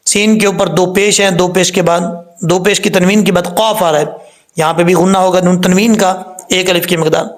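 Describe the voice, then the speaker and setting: A man's voice: sits high, steady tone, normal speed. A middle-aged man teaching Quran recitation step by step. He explains each sound and corrects mistakes, repeating the right pronunciation several times.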